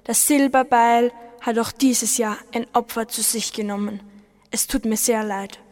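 A woman's voice: on the high side, fairly even intonation, a little slow, a little mellow, long reverb tail, soft background music, close to an everyday voice. A teenage girl voicing a formal male village mayor giving a solemn speech in a school radio play. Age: teens.

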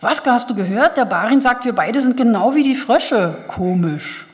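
A woman's voice: fairly high pitch, lively intonation, moderate pace, close to an everyday voice. A woman reading the lines of a simple, curious peasant boy. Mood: amused. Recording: long hall reverb.

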